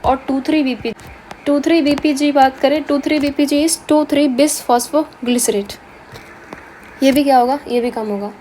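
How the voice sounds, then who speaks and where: A woman with a high-pitched voice teaches biology in a lecture, mixing in terms. She keeps asking rhetorical questions and answering them herself. A faint hiss sits under the recording. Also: steady tone, a little slow, dark tone. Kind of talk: explanatory lecture.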